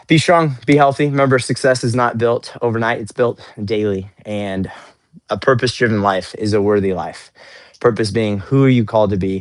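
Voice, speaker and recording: Earnest low-voiced man livestreaming outdoors. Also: dry recording. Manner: earnest, upbeat, repeats words often. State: cooling off after a workout. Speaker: livestream host. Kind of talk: casual faith-based motivational livestream. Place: outdoors in the snow.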